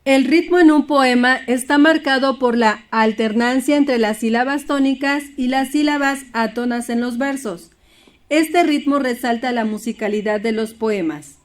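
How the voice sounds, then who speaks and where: A woman's voice: high-pitched, a little slow. A woman teaching a primary school Spanish lesson, explaining steadily and reading poems and word examples aloud.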